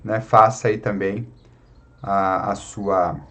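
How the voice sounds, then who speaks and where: Brazilian guy teaching latin online, slow and patient, keeps checking you follow. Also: on the low side, steady tone, fairly bright tone. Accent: Brazilian Portuguese. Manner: slow, patient explaining with many tag questions. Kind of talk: online lesson.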